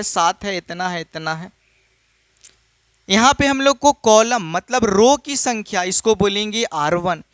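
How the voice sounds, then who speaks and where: A man's voice: high voice, fairly bright tone, clear, resonant tone, no echo. A man teaching a maths lesson, often asking a question and answering it himself, and calling his students children. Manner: repetitive, asks and answers his own questions; casual, addresses students as children.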